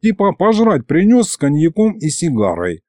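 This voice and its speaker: A man's voice: on the high side, huge pitch swings, moderate pace, a little mellow, no room sound, studio quality, voice pushed up. A man voicing a cheeky male imp sidekick in an audiobook, talking in slangy, wheedling tones.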